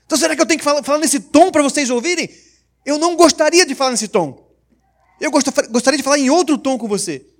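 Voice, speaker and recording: Sermon figure: a preacher voicing an exasperated old apostle, high and vehement. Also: male voice, animated, normal speed. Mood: stern. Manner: vehement, scolding, raised voice. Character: stern indignant older male apostle, exasperated. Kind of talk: sermon with acted quotations.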